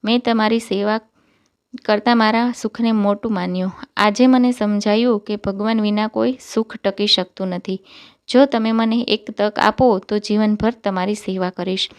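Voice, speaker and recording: A woman's voice: mid-range voice, steady tone, moderate pace, clean tone, lightly acted. A woman voicing a repentant cursed male servant who pleads humbly in a devotional storybook tale. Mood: remorseful.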